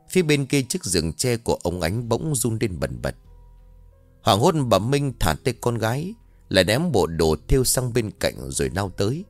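Low-voiced man narrating a ghost story. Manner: dramatic, expressive.

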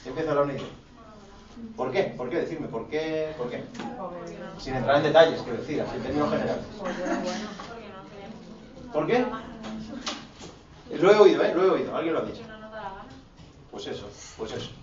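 Male philosophy teacher, Spain Spanish accent, higher voice. Rhetorical, colloquial, needles his students. Classroom echo, picked up from a distance. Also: lively intonation, fairly quick, long pauses, a crowd in the background. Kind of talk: classroom lecture. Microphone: distant room mic. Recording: echoey, dull classroom audio from far off.

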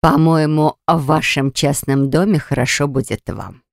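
A narrator voicing a stern, composed elderly great-grandmother who speaks curtly and with authority, in a gravelly, dry voice. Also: mid-range voice, moderate pace, no room sound, lightly acted. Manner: curt, dry, commanding.

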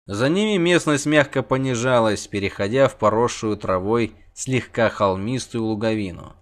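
A man reading fantasy audiobook narration in a measured, descriptive way. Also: medium pitch.

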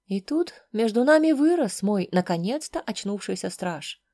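A woman reading a fantasy novel aloud in the first person, soft and intimate, at times dropping almost to a whisper. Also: medium pitch, animated, normal speed, dry recording, studio quality. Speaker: audiobook narrator. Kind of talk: first-person audiobook narration.

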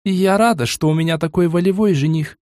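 A man's voice: on the high side, a little fast, darkish tone, dry recording, clean studio sound, voice pushed up, natural voice. Man voicing a sweet, coaxing young woman.

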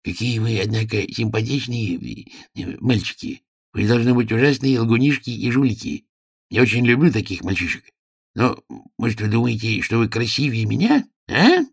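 A man voicing a vain, capricious, suspicious little male king in an audiobook drama, with a husky low voice. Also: lively intonation, moderate pace, no room sound, clean studio sound.

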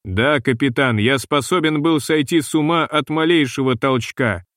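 A man's voice: medium pitch, fairly bright tone, no echo, clean studio sound, close to an everyday voice. A man reading Pettibon, a mournful ship's purser. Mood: gloomy. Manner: slow, mournful and long-winded. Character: fussy, gloomy ship's purser, middle-aged man.

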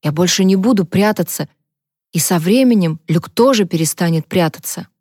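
A woman reader voicing a kind older mother who speaks in a gentle, soothing, motherly way. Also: on the low side, normal speed, dry recording, clean studio sound, close to an everyday voice.

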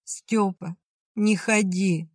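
A man voicing a lively young village woman, pleading and tearful, in a storybook reading. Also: sits high, extremely slow, no room sound, studio quality, voice pushed up, exaggerated voice.

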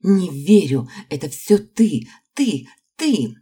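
A woman reading the part of a jealous, furious young woman who hisses through her teeth and breaks into shouts. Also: rumbling low, animated, unhurried, husky, exaggerated voice. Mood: hysterical.

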